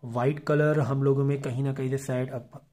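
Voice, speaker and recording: Mellow-voiced male lecturer. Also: mid-range voice, little pitch movement. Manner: explains patiently with frequent check-ins to students; reads English textbook passages slowly. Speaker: teacher. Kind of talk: classroom lecture.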